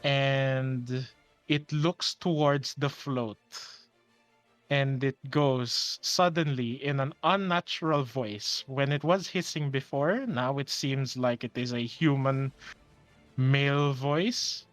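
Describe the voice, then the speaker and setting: A man's voice: medium pitch, slow, a bit bright, no echo, faint music behind. A man acting as game master, improvising narration for a tabletop role-playing game and searching for words as he goes.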